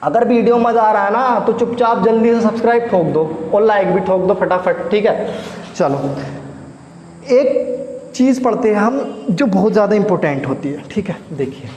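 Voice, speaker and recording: A male math teacher with a high, slightly mellow voice gives a chatty blackboard lesson at a moderate pace, coaxing his students and quizzing them as he works. The room is echoey, with faint noise in the background.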